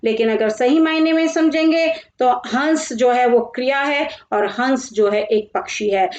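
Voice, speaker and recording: Woman teacher, slow and deliberate, pitched a little high, roomy and slightly dull recording. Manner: slow, deliberate, spells out word lists one by one. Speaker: Hindi teacher. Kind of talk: classroom grammar lesson.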